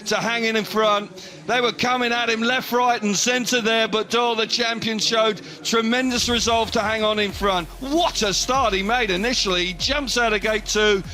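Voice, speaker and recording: A man giving expert live motorsport commentary with an animated, emphatic delivery. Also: high voice, moderate pace. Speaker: expert co-commentator, former rider.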